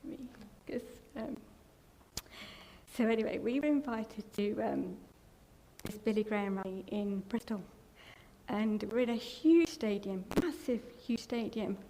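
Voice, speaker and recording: Speaking in a medium-pitched, dark voice at a measured pace, an Englishwoman from England shares her personal testimony as a church member. Her storytelling rambles and turns emotional, tearful at times. The church hall gives long reverb, with faint noise in the background.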